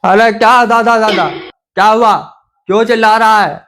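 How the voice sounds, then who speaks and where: Guy doing a grumpy old grandpa in a comedy skit, gruff and sly. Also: sits high, fairly even intonation, normal speed, bright, forceful tone, a little hiss or hum. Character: crotchety old grandfather who teases his grandson.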